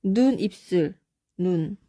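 A young woman casually chatting on a live stream, reading viewer comments aloud and answering quick either-or questions. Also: lowish voice, lively intonation, warm tone, dry recording, studio quality.

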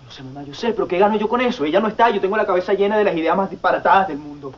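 Actor doing a stressed venezuelan son, talks fast, a bit high. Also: male voice, close to an everyday voice. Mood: agitated. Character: worried young man, agitated. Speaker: young son in a telenovela. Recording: dull TV audio with music.

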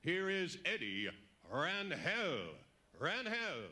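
A man's voice: sing-song, sharp tone. A man announcing a boxing match from the ring, drawing out the fighters' introductions. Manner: booming, drawn-out introductions. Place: arena ringside.

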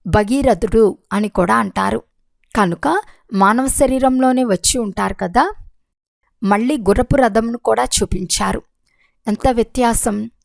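A woman reading a religious discourse aloud in a steady, measured way. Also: fairly high pitch, creaky, no echo. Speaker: reader of a spiritual discourse.

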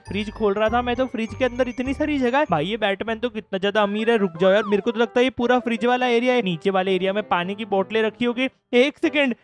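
A man giving excitable, casual gameplay commentary who keeps calling out to his viewers. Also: sits high. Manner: excitable, addresses viewers as guys. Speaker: gaming YouTuber.

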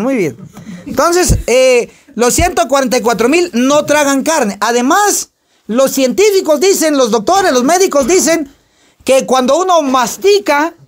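A man with a high voice preaching a sermon in a church. He drives the message with repeated questions to the congregation and waits for their replies. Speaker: pastor.

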